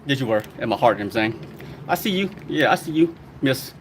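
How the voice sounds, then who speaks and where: A man's voice: medium pitch, lively intonation, fast talker, slight background noise. A young man from Long Beach, California, telling loose slangy stories on a casual livestream, laughing often.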